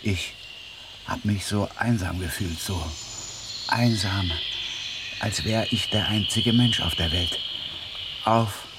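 An actor playing a frightened, nervous male asylum inmate in a radio drama, recounting events in a halting, jittery way. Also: lowish voice. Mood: haunted, hushed. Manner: halting, jittery, slow and drawn out when haunted. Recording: audible background noise.

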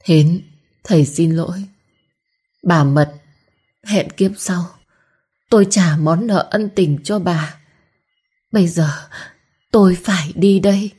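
A woman voicing an old village father speaking halting, strained last words in a storybook reading. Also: fairly low pitch, warm tone, husky.

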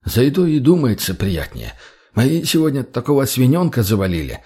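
A man voicing a fat, obsequious slave trader who fawns and placates in a raised, drawn-out voice. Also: huge pitch swings, mellow, breathy edge, full character voice. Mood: fawning. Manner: wheedling, placating, higher and slower.

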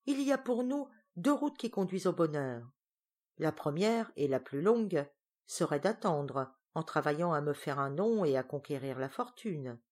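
A woman's voice: deep voice, expressive, moderate pace, a little mellow. A woman voicing an ardent young suitor. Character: ardent young male painter, gallant.

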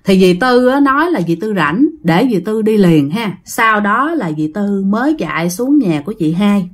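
Woman telling a ghost story, chatty, very animated pitch. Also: moderate pace. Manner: chatty, addresses listeners directly.

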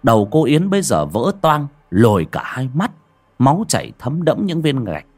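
A man's voice: mid-range voice, wildly swooping pitch, normal speed, a little mellow. A man narrating a horror story in a dramatic storytelling manner with colloquial asides. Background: faint music.

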